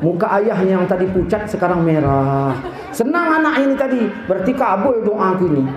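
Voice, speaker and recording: A male preacher tells stories in an animated, jokey sermon. His voice sits high, and he swings it widely as he acts out characters. It rings through a very echoey hall over a PA microphone. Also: brisk, highs cut off, over music, a crowd in the background. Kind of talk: sermon with storytelling.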